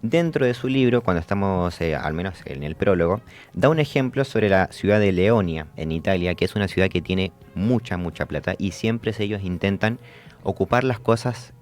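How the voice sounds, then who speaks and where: A man hosting a psychology discussion, pausing often with fillers and restarts. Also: sits low, lively intonation, faint music behind. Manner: hesitant, many fillers and restarts. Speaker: podcast host.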